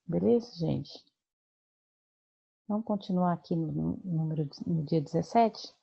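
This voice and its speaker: A woman's voice: lowish voice, measured pace, vocal fry, breathy edge, dull audio. A Brazilian woman teaching a remote lesson, explaining patiently with many fillers and check-ins to her students. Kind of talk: remote lesson correcting homework.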